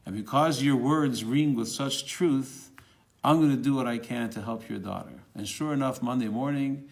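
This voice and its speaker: A man telling a religious story aloud, animated and rising in pitch for quoted dialogue, with fillers and restarts. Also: vocal fry. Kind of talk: spoken storytelling.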